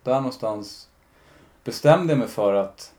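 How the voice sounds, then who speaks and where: A man's voice: mid-range voice, animated, mellow. A man, a podcast guest, telling his own story in a candid, reflective way, often retelling conversations with lots of fillers.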